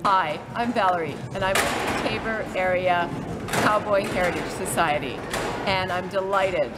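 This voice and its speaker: A woman's voice: medium pitch, moderate pace. An older woman giving a casual spoken testimonial. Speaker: heritage society member. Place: indoors at event venue. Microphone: phone at short distance. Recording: loud background noise.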